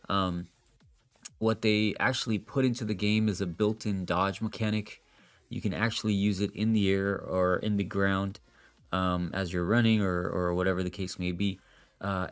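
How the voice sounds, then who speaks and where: A man with a cold, speaking in a nasal voice, gives relaxed, chatty gameplay commentary as a voice-over. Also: on the low side, no room sound. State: sick with a nasal voice. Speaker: gaming content creator. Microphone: voice-over recorded apart from the footage.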